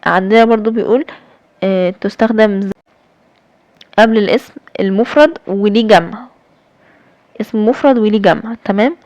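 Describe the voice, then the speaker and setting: A young English teacher with an Egyptian Arabic accent walks through grammar step by step in a recorded lesson, using lots of fillers and checking in with listeners. Her mid-pitched, slightly mellow voice moves a little fast with frequent pauses, and the recording is dry.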